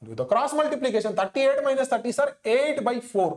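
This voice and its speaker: A male physics teacher with a Telugu accent from his native tongue races through worked sums at a very rapid pace. He repeats his phrases and keeps throwing questions at his students as he goes. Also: extremely high pitch, darkish tone. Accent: Telugu Indian. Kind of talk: exam-coaching lesson, working through sums aloud.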